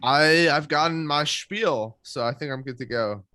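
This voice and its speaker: A man's voice: a little high, unhurried, bright, forceful tone, dry recording. A young man co-hosting a casual sports podcast, answering in short, laid-back lines and pushing back on his partner. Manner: laid-back, brief, contrary replies. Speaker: podcast co-host.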